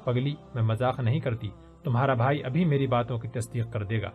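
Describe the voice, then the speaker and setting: A man's voice: mid-range voice, steady tone, narrow, tinny audio, soft background music, lightly acted. A man voicing a playful, affectionate young woman who teases her friend like an older sister. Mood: teasing. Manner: playful, teasing.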